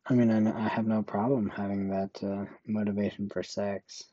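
A young man hosting a solo podcast, thinking aloud slowly in a monotone way. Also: fairly low pitch, no echo, dull audio. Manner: slow, monotone, musing. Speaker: podcast host.

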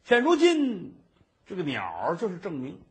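A man voicing a stern, bullying male high court judge who scorns and barks orders. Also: wildly swooping pitch, normal speed, slightly rough, exaggerated voice. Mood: scornful.

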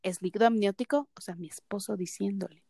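A woman's voice: mid-range voice, brisk, creaky, dark tone, dry recording, studio quality. A woman in her thirties co-hosting a podcast, telling her story in casual chat and acting out the quoted dialogue with animation. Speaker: podcast co-host.

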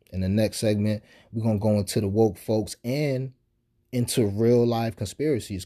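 Husky-voiced sarcastic podcast host. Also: male voice, fairly low pitch. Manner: sarcastic, animated, conversational with slang and frequent "you know what I'm saying". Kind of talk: casual podcast monologue.

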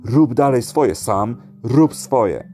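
A man voicing a brash, cheerful male late-night radio DJ with booming, preachy, folksy patter. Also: expressive, slow, mellow, soft background music.

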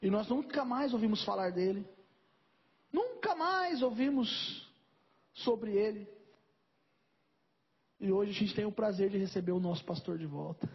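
A man's voice: sits high, fast talker, vocal fry, few pauses, breathy edge, dull audio. A man preaching a sermon as pastor, telling a story and acting out its dialogue.

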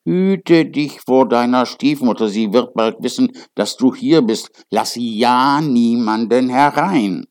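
A man voicing seven kindly little male dwarfs in a storybook reading, in a raised, louder questioning voice. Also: medium pitch, slow, few pauses, close to an everyday voice.

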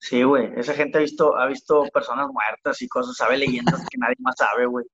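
Speaking at medium pitch with a flat, slightly quick delivery, this Mexican-accented man tells a slangy, meandering story as a podcast guest, cramming "güey" into each sentence. The remote call audio is a bit bright, loses its highs, and carries slight background noise.

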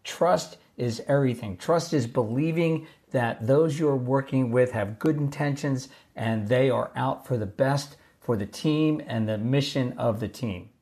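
Man talking over a low-quality mic. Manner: calm, measured, explanatory delivery. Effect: lower-quality laptop mic instead of his usual studio mic. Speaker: podcast host. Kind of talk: solo podcast talk on leadership. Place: traveling, recording away from home. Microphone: basic mic normally used for video calls.

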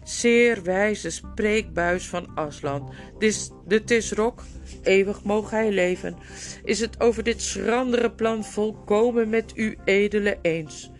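A woman's voice: medium pitch, slow, faint music behind, pitched above the performer's own voice. A woman voicing a pompous male envoy who answers in a flowery, courtly way. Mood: fawning. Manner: flowery, bowing formality.

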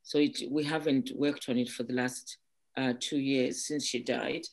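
A woman from Zimbabwe, an entrepreneur guest in an interview, who talks haltingly with many restarts and "um"s. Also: a bass voice, fairly even intonation, a crowd in the background. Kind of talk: casual interview chat.

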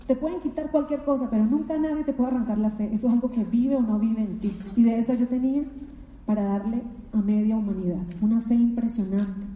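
A woman's voice: on the high side, steady tone, brisk, warm tone. A middle-aged woman from Colombia giving an emotional, emphatic motivational talk, telling her story with many repetitions. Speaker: motivational speaker. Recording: echoey hall with long reverb.

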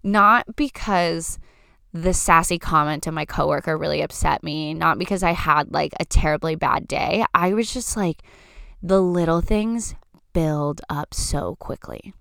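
A woman's voice: deep voice, unhurried, gravelly, fairly bright tone, clear, resonant tone, dry recording, clean studio sound. A woman hosting a solo podcast, talking casually and chattily with frequent "like" fillers. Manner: chatty, fills talk with "like". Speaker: podcast host.

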